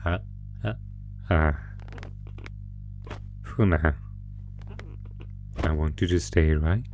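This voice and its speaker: With a low-pitched, dark voice, a man voices the predatory creature beneath the bed in a horror roleplay. Gloating and teasing, he torments the listener with a sadistic, sugary menace he clearly relishes.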